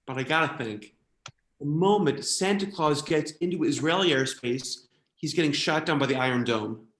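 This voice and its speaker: Animated American man doing stand-up. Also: a little high, roomy sound. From United States. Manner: animated, quick shifts into quoted voices. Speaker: stand-up comedian. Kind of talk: stand-up comedy routine.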